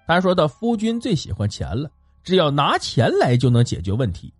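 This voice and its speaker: A man telling a folk ghost story in animated, colloquial narration. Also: fairly high pitch, normal speed, husky, no echo. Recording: dry close recording, faint music.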